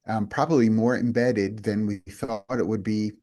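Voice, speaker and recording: A man speaking as a podcast guest in a fairly low voice. He sounds earnest and reflective, and he often restarts his sentences as he thinks aloud. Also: fairly even intonation, moderate pace, warm tone. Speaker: company president and guest. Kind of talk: casual interview chat.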